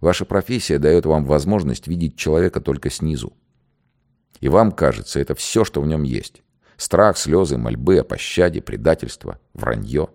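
A man voicing a calm, dignified condemned poet. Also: rumbling low, creaky, heavily acted. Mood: reflective. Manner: measured, quiet, reflective. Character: calm, dignified male poet facing execution. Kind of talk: dramatized reading of a dialogue.

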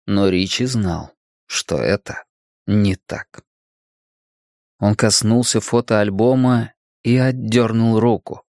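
A man reading an audiobook in a measured, steady way, dropping lower on the grim lines. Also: no echo, clean studio sound. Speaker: audiobook narrator. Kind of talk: scripted narration.

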